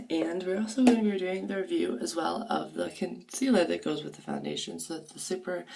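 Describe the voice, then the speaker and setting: A beauty vlogger chats casually through a makeup review in her home bathroom, her low-pitched voice gravelly, slightly mellow, groggy and sore-throated. She rambles and at times drops to near-whispers. Her voice sits a bit far from the mic.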